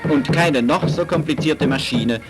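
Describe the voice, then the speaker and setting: A man's voice: fairly high pitch, measured pace. Male narrator from an old newsreel. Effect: played from an old 1949 newsreel soundtrack. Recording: distant old newsreel sound under music.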